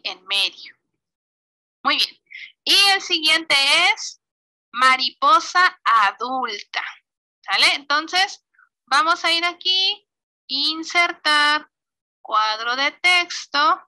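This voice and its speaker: Demonstrating on screen in an online computer class, a woman with a Mexican Spanish accent patiently guides students step by step and frequently checks in. Her voice is high with a sharp tone.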